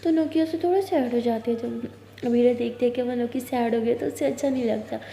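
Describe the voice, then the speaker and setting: A woman's voice: on the high side, a little fast, vocal fry, mellow. A woman telling a casual love story in a chatty way, voicing both characters herself. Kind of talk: casual Hindi audio story narration. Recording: echoey room with long reverb.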